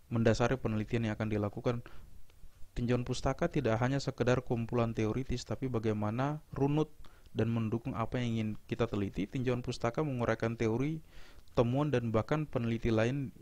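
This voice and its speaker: A middle-aged man, a university lecturer, explaining step by step in a measured recorded lecture, with small fillers and restarts. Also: medium pitch, darkish tone, no echo.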